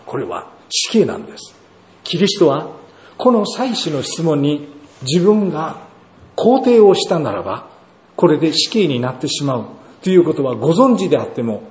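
A pastor preaching a sermon and reading scripture, asking rhetorical questions in a measured way. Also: male voice, medium pitch. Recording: roomy echo, faint ambience.

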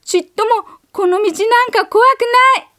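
A woman's voice: steady tone, moderate pace. A woman voicing a brave four-year-old girl in a read-aloud storybook, earnest and childlike. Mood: determined. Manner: high, earnest, childlike pleading.

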